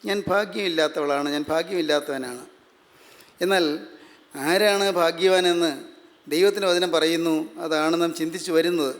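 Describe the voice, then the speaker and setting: A man with a Malayali accent preaching a sermon, measured and repeating phrases for emphasis. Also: a little high, fairly even intonation. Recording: long hall reverb.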